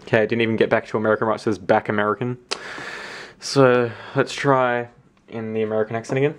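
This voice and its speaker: Australian male tech host, lowish voice, casual demo read, wry about his own mistakes. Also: little pitch movement, quick pace. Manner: casual, self-deprecating, matter-of-fact.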